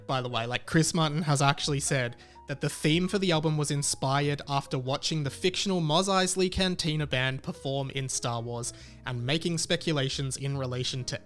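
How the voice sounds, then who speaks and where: With a slightly high, somewhat bright voice, this show host and music reviewer offers a casual, opinionated take on an album. He speaks conversationally and with wry amusement, music running beneath him.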